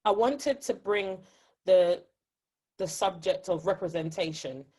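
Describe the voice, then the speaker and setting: A woman hosts a podcast with an upbeat, polished radio-presenter delivery. Her voice sits fairly low for a woman, and she keeps the conversation moving warmly between guests. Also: expressive, a little slow, breathy edge. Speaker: podcast host.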